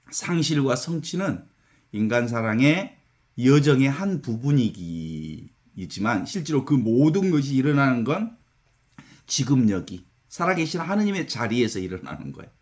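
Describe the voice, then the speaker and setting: Animated Korean priest giving a talk. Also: male voice, medium pitch. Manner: conversational, animated storytelling with acted-out counting. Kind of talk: spiritual lecture.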